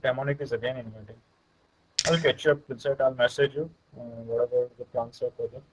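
Slightly husky male gamer. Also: mid-range voice, steady tone, fast, poor audio. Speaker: fellow player on voice chat. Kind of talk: casual chat.

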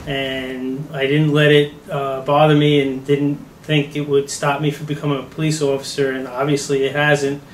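A man's voice: on the high side, completely flat delivery, normal speed, hardly any pauses, reverberant, a little hiss or hum. A man police officer telling his own story in a firm, matter-of-fact way. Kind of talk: personal testimony.

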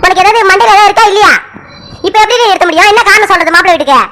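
A loud, exasperated cartoon mother, as a woman voices her, scolding in a rapid stream. Her voice is very high, bright and sharp. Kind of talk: animated family serial voice acting.

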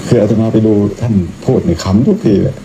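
A low-voiced male monk chats casually and teases with a joking manner. Clear background noise runs behind his voice throughout. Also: sing-song, quick pace. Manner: teasing, joking. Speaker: Buddhist monk. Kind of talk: casual mocking commentary.

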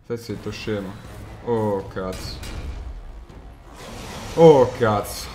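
A man giving casual, excitable gameplay commentary, swearing and talking to his viewers. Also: fairly low pitch, drawn-out words, a little hiss or hum. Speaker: video game player commentating. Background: game music.

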